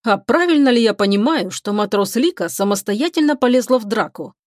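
A woman reading the part of a stern male starship captain, with measured, clipped commands. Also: medium pitch, lively intonation, a little mellow, dry recording, clean studio sound, lightly acted.

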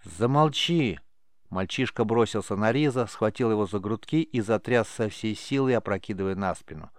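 A man narrating an audiobook in a measured storytelling manner. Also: lowish voice, a little mellow, no echo, clean studio sound. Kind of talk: scripted narration.

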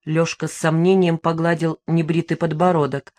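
Woman narrator, first-person audiobook prose, steady even delivery. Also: sits low, moderate pace, no echo.

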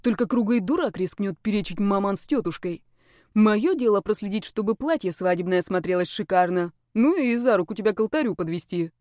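A woman's voice: medium pitch, lively intonation, brisk, mellow, no echo, clean studio sound, natural voice. A woman voicing a casual, teasing young snake shapeshifter who jokes with the heroine. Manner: joking, casual.

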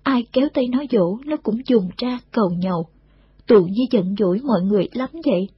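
Husky woman narrating a novel. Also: medium pitch, a little fast, no room sound. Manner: steady storytelling. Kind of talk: audiobook reading of a war novel. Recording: dull, dry recording.

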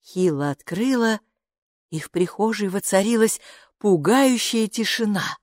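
Expressive woman narrating a storybook. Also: medium pitch, measured pace, dry recording, clean studio sound. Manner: lively, expressive reading. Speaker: audiobook narrator. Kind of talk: scripted narration.

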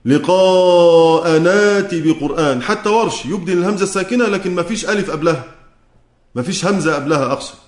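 A man with an Egyptian Arabic accent teaching the rules of Quran recitation, asking questions and answering them himself, chanting the quoted verses slowly. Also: high-pitched, reverberant.

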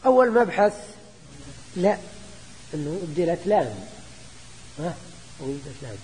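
An older man teaching grammar in a classroom lecture, explaining slowly and repeating terms, sometimes answering students. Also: on the high side, big pitch swings, a little mellow, breathy edge. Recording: echoey hall recording.

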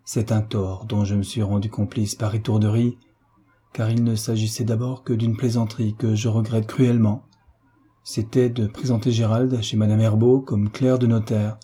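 A man voicing an earnest young gentleman. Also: lowish voice, little pitch movement, moderate pace, breathy edge. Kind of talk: audiobook character reading.

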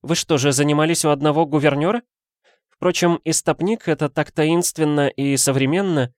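A man voicing a haughty, sharp-tongued young married lady in an audiobook, with a scornful, imperious manner. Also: on the high side, fairly even intonation, fairly quick, no echo, studio quality, voice pushed up, natural voice. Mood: indignant. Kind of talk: audiobook character voice.

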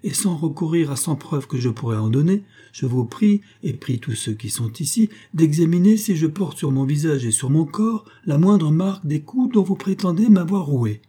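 A man's voice: fairly high pitch, animated, normal speed, few pauses, dark tone, breathy edge, pitched above the performer's own voice. A man reading the part of a proud young wife who mocks her husband with haughty indignation. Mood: indignant, haughty. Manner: haughty and mocking.

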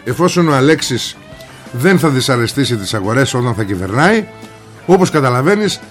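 A man's voice: mid-range voice, very animated, over music. A man hosting ranting political commentary, sarcastic and mocking, firing rhetorical questions at his listeners.

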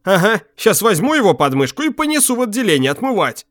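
A man's voice: high-pitched, very animated, fast talker, a bit bright, dry recording, studio quality, voice pushed up. A man voicing a mocking, rude male patrol policeman who talks crudely and jeers. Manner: jeering, crude.

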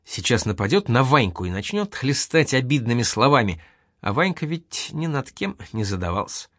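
A man narrating an audiobook with expressive reading. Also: mid-range voice, normal speed, no room sound, studio quality.

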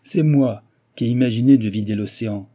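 A man's voice: medium pitch, a little fast, warm tone, lightly acted. A man voicing a gleeful, mocking older American engineer who sneers at his rival. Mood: gloating. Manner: sneering, sarcastic.

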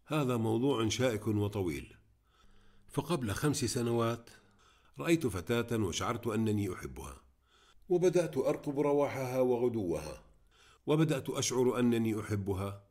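A man's voice: mid-range voice, expressive, a little fast, darkish tone, natural voice. A man reading aloud, voicing an earnest young man who opens up about himself.

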